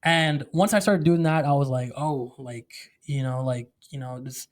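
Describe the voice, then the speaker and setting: A man's voice: medium pitch, fairly even intonation, moderate pace. A man talking as a podcast guest, telling his story in a candid, casual way with many fillers and restarts. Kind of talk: candid conversational interview.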